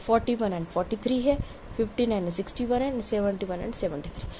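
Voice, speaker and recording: A woman's voice: on the high side, dark tone, slight background noise, rough recording. A woman teaching a math lesson in Hindi sprinkled with English terms, asking questions and answering them herself. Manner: explains step by step, asks and answers her own questions; mixes English phrases into Hindi. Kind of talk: math lesson explaining to students.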